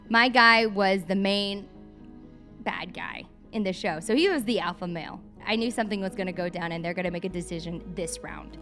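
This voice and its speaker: A woman in her thirties casually telling a story with lots of swearing, acting out her own and others' panicked shrieks. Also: on the high side. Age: 30s. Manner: animated, profane, acts out shrieking reactions. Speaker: vlogger.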